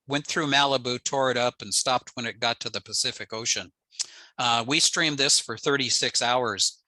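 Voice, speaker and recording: The recording is low quality, with no room sound, capturing an older American man's bright, forceful, medium-pitched voice. A ham radio operator, he presents slides informally from indoors on a video call, explaining matter-of-factly.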